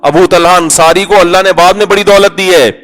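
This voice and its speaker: Man preaching a sermon, somewhat high voice. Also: fairly even intonation, a bit bright. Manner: conversational, joking, full of rhetorical questions; acts out little dialogues. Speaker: Islamic scholar and preacher.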